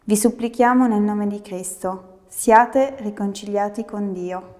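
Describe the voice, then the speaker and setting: A young woman reads a Bible passage aloud in a steady, careful way. Her voice is mellow and dark. It carries a long reverb tail, as if from a resonant room. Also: medium pitch, unhurried. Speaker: scripture reader. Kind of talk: Bible reading. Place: room with bookshelves, indoors.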